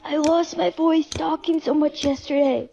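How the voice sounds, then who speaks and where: A woman playing a hoarse, creaky girl with a lost voice. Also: high-pitched, fairly even intonation, moderate pace, warm tone, dull audio. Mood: strained. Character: young woman friend who lost her voice.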